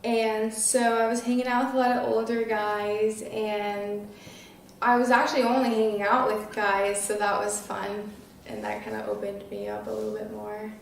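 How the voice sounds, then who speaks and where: A woman's voice: mid-range voice, normal speed, vocal fry, recorded from a distance, a little hiss or hum. A nineteen-year-old woman answering interview questions casually, giggling and using lots of "like" fillers. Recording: very echoey room, voice off-mic.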